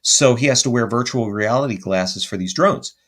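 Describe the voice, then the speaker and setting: The speaker, a man guesting on a podcast as a paranormal investigator, relates a story with animation and plenty of rambling, fixing his mistakes mid-sentence. His voice is mid-range at normal speed.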